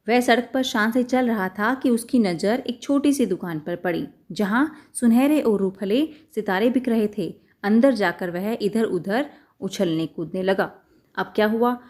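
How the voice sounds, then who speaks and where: A woman teacher reads a children's story in a mid-pitched voice. She pauses after each passage to retell it in plain, conversational words, with easy fillers and asides. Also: a little mellow. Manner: reads, then retells each part in simple chatty words. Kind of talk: reading a story aloud and explaining it.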